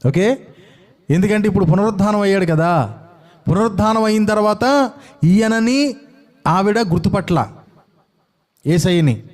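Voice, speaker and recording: A man's voice: sits high, lively intonation, measured pace, pauses often, darkish tone. A male preacher giving a sermon, acting out scenes and throwing questions at his congregation. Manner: dramatic, acts out quotes and fires questions at the congregation.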